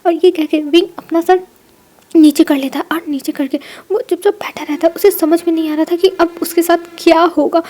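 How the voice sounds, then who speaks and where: A woman's voice: very high-pitched, warm tone. A woman retelling a fan fiction story aloud in a conversational, repetitive way.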